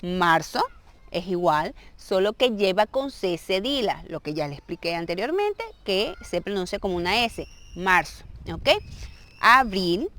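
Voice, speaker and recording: A woman with a medium-pitched voice gives a casual video lesson. She is a native Spanish speaker and explains things patiently and step by step. She keeps checking that her viewers follow along. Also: big pitch swings, moderate pace, hardly any pauses. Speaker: language teacher.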